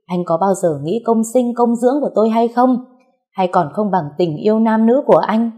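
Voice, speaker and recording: Storybook: woman reader as shrill, self-pitying older mother-in-law, loud and high. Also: normal speed, natural voice. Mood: wailing.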